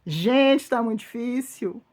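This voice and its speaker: A Brazilian woman pastor delivers an informal sermon in a somewhat high voice. She speaks emphatically, repeats her phrases for weight and turns to her listeners directly. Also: animated, slow, a little mellow. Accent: Brazilian Portuguese.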